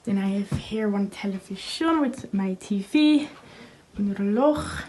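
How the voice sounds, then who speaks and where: A young adult woman, a Dutch native speaker, shares study tips casually in a home vlog from a small room, recorded on a phone camera. As a student vlogger she is chatty and uses many fillers, speaking in a warm, mid-range voice at a measured pace, with a little hiss or hum.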